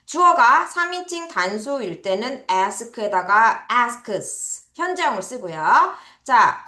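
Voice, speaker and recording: Lively woman teacher drilling English words. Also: on the high side, echoey room. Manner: drills pronunciation, has students repeat words slowly; calls herself teacher, talks to kids directly. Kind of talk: online vocabulary lesson for children.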